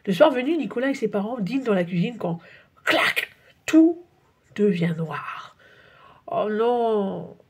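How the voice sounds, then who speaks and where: A woman narrating a children's audiobook in a lively, expressive storybook style. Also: medium pitch, normal speed, slightly rough. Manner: lively, expressive read-aloud.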